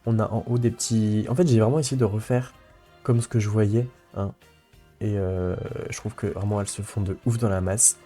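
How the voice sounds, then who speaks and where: A young man talks his viewers through his game in a loose, casual way. His voice is mellow and warm, and he keeps looping back with fillers and half-started phrases. Soft music runs faintly behind him. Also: on the low side, steady tone, normal speed. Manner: rambling, many fillers and restarts. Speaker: let's play host. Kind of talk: casual gameplay commentary.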